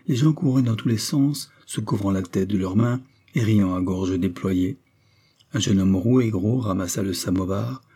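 A man reading a literary audiobook with measured, grave storytelling. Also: fairly low pitch, warm tone, husky. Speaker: audiobook narrator.

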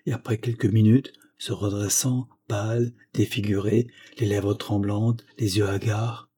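A man narrating a classic French novel in a measured, even storytelling manner. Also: lowish voice, breathy edge. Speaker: audiobook narrator. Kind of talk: literary audiobook narration.

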